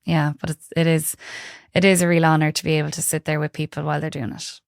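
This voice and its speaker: A woman from Galway with a west of Ireland accent speaks fast in a low, creaky voice with little pitch movement. She's a holistic heart-healing practitioner appearing as a podcast guest, talking informally and reflectively in a casual interview, often saying "like" and "you know". The studio-quality recording has no echo.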